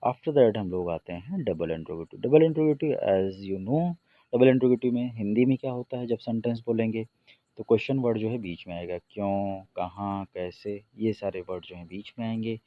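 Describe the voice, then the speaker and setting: A man teaching an English grammar lesson in Hindi, reading the English example sentences slowly and deliberately. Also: lowish voice, no room sound, phone-quality sound.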